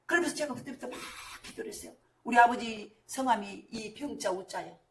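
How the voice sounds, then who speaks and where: A middle-aged woman pastor preaching a sermon, moving between hushed storytelling and shouted declarations. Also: a little high, expressive, a little fast. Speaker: senior pastor. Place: church sanctuary. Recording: echoey church hall.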